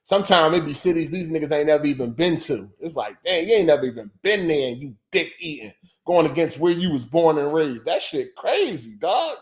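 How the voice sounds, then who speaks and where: On a casual podcast livestream, a Philadelphia-born host trades loose, profane banter and repeats himself for effect. His voice is on the high side, sing-song and fairly quick.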